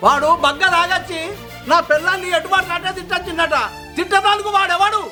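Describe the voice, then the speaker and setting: A man's voice: very high-pitched, steady tone, quick pace. An actor with a Telangana accent playing a village father who soothes his new wife and scolds his son. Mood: angry. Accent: Telangana Telugu. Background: loud background music.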